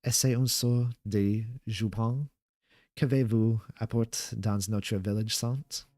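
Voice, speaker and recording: A man's voice: fairly low pitch, flat delivery, slow pace, mellow, dry recording, studio quality. A man voicing a smug, suspicious French nobleman with a haughty, questioning manner in a horror story.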